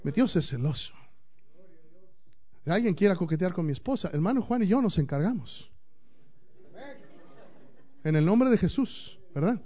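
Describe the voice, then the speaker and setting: High-voiced preaching man, muffled recording. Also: animated, normal speed, pauses often. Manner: preaching with dramatic swings between loud declaiming and hushed intimacy. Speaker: pastor. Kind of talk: sermon.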